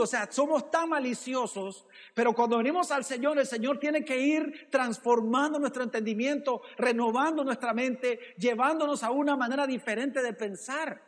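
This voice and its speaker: High-voiced male pastor preaching in a reverberant hall. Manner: preaching with repeated "hermano" and rhetorical questions. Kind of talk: sermon. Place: church.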